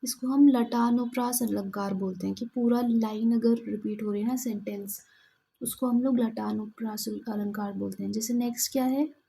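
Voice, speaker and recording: A woman teaching an exam-prep lesson, explaining terms and reading verse examples aloud with pauses. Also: on the high side, fairly even intonation, vocal fry, dark tone, husky, low-quality recording.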